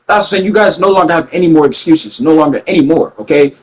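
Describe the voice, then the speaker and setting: A young man giving emphatic, ranting commentary on his own basketball video game play, repeating himself and getting loud at big plays. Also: fairly high pitch, fast talker, rough recording. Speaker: gaming YouTuber commentating his own gameplay.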